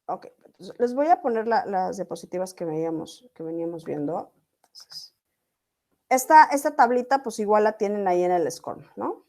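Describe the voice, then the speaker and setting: A woman's voice: mid-range voice, expressive, moderate pace, a little mellow. A woman teacher, explaining a lesson step by step to an online class and often checking in with her students.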